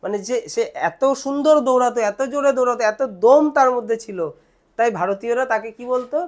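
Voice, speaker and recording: A woman's voice: on the high side, a little mellow. Bengali woman teacher explaining lesson. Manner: asks questions and answers them herself, repeats words slowly.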